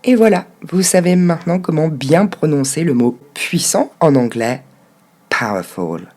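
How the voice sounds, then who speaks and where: A woman teaching English pronunciation, speaking clearly and modelling words slowly, syllable by syllable. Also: deep voice, dark tone. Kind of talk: pronunciation lesson.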